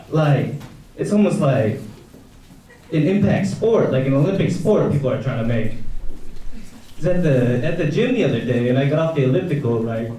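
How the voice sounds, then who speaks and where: A man's voice: on the high side, a little mellow, slight background noise. A young man doing a crude, rambling, laid-back stand-up set in a comedy club. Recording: echoey club, mic from far off.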